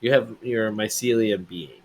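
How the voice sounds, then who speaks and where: A man's voice: fairly low pitch, measured pace. A young man running a tabletop game, casual and rambling with many fillers. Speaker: game master.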